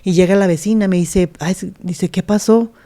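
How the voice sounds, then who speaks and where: In a lowish, dark voice with a steady tone and moderate pace, this pastor shares her life story as an interview guest. She's earnest and brings scenes to life by voicing what others said.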